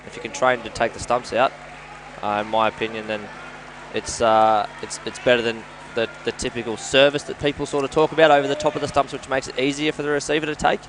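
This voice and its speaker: An Australian man commentating on a live match, analysing play in a measured way like a coach. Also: medium pitch, level tone, background noise. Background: indoor sports venue with games nearby.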